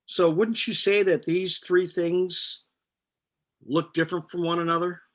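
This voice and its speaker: In a live online chemistry lecture, the middle-aged instructor talks unhurriedly in a high-pitched voice with fairly even intonation. He guides the class step by step, with jokes delivered patiently.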